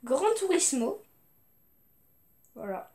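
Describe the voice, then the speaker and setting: A woman's voice: high-pitched, very animated, drawn-out words, dark tone, slight background noise. A young woman chatting casually as she shows her video game collection, hesitant, with many fillers and restarts. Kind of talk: casual unboxing chat.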